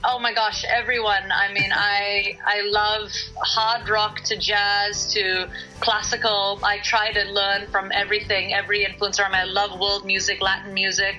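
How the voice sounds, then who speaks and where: A woman's voice: mid-range voice, little pitch movement, normal speed, pushed and bright, highs cut off, soft background music. A woman from Singapore, a guest singer-songwriter giving a candid, earnest radio interview and thinking aloud as she answers. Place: radio studio.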